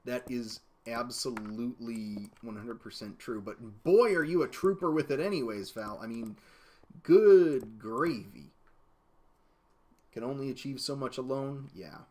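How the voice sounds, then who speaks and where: A man's voice: expressive, normal speed, few pauses. A man streaming a game from home, chatting casually in a rambling way and reading viewer comments aloud. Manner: rambling, reads chat aloud, talks to baby in a high voice. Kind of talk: casual live-stream chat while gaming. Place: home, baby in lap. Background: keyboard clicks and typing.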